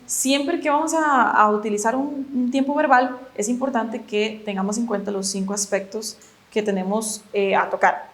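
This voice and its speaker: A woman whose first language is Spanish, teaching English grammar in a video lesson. She explains step by step, patiently, and keeps checking with a quick "ok?". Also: on the high side.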